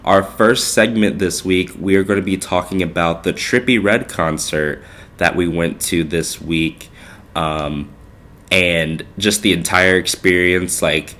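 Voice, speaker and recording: In an unhurried, low voice with a bit of brightness, a young podcast co-host chats casually despite a congested, stuffed-up nose. His delivery is relaxed and rambling, packed with fillers.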